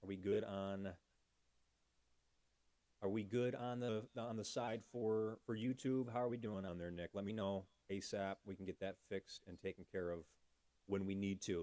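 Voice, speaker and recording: A man's voice: low-pitched, normal speed, dark tone, no room sound. A man hosting a casual livestream, chatty, thanking viewers by name and talking through fixing his audio. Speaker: livestream host.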